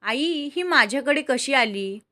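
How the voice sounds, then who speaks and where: A woman's voice: high voice, lively intonation, unhurried, pushed and bright, pitched above the performer's own voice, heavily acted. A woman voicing a young woman who talks politely and earnestly.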